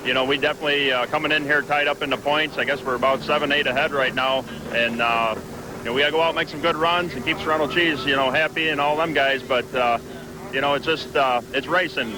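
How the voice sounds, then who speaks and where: Quick-talking folksy man interviewed trackside. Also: medium pitch, fairly even intonation. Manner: folksy, plain-spoken. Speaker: competing tractor puller. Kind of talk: casual post-run interview. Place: outdoors at a pulling track. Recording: noisy outdoor trackside.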